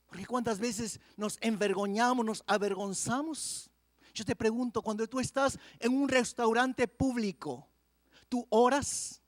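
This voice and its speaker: A male pastor preaching a sermon, asking the congregation direct questions and reading scripture slowly and deliberately, with words slipping into his Spanish. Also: high voice, no echo. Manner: mixes Portuguese words into Spanish.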